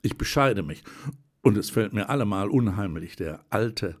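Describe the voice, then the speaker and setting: A man reading aloud as a calm, reflective old gentleman, speaking in a measured, thoughtful way. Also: lowish voice, breathy edge. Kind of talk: audiobook character voice.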